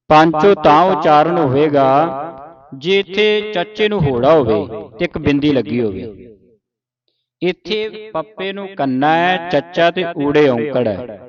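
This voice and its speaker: A man leads a recitation lesson, pronouncing every syllable in a slow, drawn-out way and correcting mistakes as he goes. His voice sits a little high for a man. The recording sounds dull and lo-fi, with a group of people clearly audible behind him. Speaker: gurbani recitation teacher.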